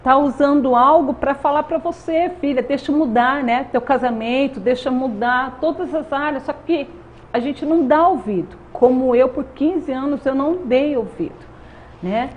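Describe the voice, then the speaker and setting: A woman's voice: sits high, normal speed. A woman in her thirties with a Brazilian accent, giving an earnest faith testimony as an interview guest and often adding "né?". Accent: Brazilian Portuguese. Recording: dull lo-fi sound with faint noise.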